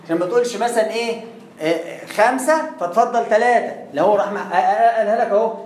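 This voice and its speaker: A man's voice: high voice, rapid-fire, darkish tone. A man with an Egyptian Arabic accent teaching Quran recitation, demonstrating sounds over and over and asking rhetorical questions. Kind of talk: explanatory classroom lesson. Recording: echoey room with faint noise.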